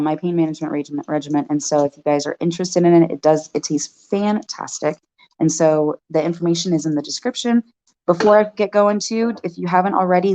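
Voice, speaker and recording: A woman's voice: on the low side, a little mellow. Chatty woman vlogging to her viewers. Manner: chatty, with frequent "y'all" and "right?" asides. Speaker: farm owner and dog breeder vlogger. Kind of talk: casual vlog talk to viewers.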